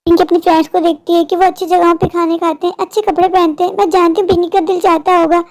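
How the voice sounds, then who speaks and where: In this Hindi cartoon voice acting, a woman with a very high, fast, nearly flat voice plays a poor young woman. The character is a worried older sister who pleads in a weary, sorrowful way.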